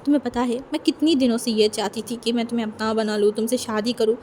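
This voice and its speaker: A woman's voice: fairly high pitch, steady tone, quick pace, a little hiss or hum, close to an everyday voice. A woman voicing a possessive, teasing young male lover in a fan fiction reading, talking in a coaxing, playful way. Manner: coaxing, playful, soft-spoken. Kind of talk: fan fiction read aloud.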